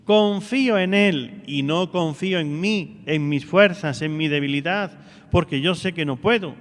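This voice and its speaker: A man's voice: fairly high pitch, measured pace, long reverb tail. A priest giving a homily, preaching earnestly and asking his listeners one rhetorical question after another.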